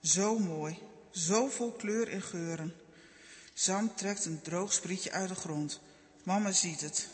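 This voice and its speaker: A man narrating a children's Bible story in a gentle, measured storytelling manner. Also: high voice, long reverb tail.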